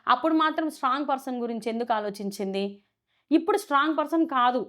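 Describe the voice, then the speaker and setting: Woman with a higher-pitched voice chatting fast through a reality show recap. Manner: chatty, animated retelling with many fillers and restarts. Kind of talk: casual commentary.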